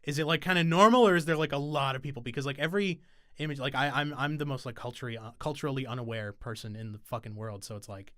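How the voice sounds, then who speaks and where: A man's voice: mid-range voice, quick pace, fairly bright tone, no room sound. Young man rambling, dry sound. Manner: rambling, swears freely, many fillers and restarts. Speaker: podcast host. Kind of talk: casual chat.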